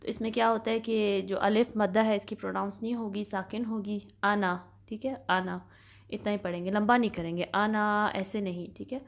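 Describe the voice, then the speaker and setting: A woman teaching Quran recitation in a methodical tajweed lesson, her voice held level and even with little rise or fall. She explains each sound patiently and checks in often with her students. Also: mid-range voice, creaky. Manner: patient, methodical explaining with slow drawn-out demonstrations; frequent reassuring check-ins.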